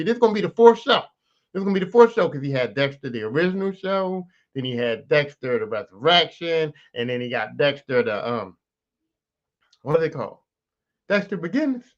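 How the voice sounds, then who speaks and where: Raspy and clearing his throat, a solo podcast host delivers a profane, animated, casual rant aimed straight at his audience. His voice is on the high side, and the audio is dull.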